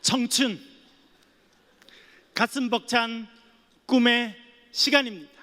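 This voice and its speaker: A man's voice: very high-pitched, slow pace, pushed and bright. A male pastor from a Korean island preaching a sermon, telling stories with playful jokes for the audience. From Geoje island, South Korea. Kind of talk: sermon with humorous storytelling. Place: seminary chapel. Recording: long chapel reverb.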